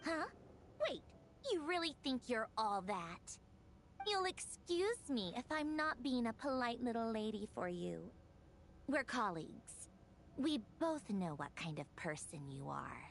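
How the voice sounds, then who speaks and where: A woman's voice: on the high side, very animated, measured pace, gravelly, a little hiss or hum, full character voice. An actress playing a brash, sarcastic female researcher in a video game, blunt and taunting. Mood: scornful, amused.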